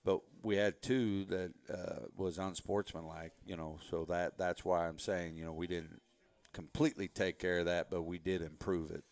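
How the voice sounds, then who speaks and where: A man speaking as a head football coach in a relaxed interview, rambling a bit as he explains. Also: low-pitched, normal speed, no room sound. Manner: relaxed, rambling, frequent "you know" fillers. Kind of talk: casual interview talk.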